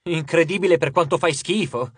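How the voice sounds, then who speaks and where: A man's voice: on the high side, fairly quick, breathy edge, dry recording. A man reading an audiobook and voicing a cocky teenage boy hero who mocks and brags. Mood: mocking. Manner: brash, showy, mocking.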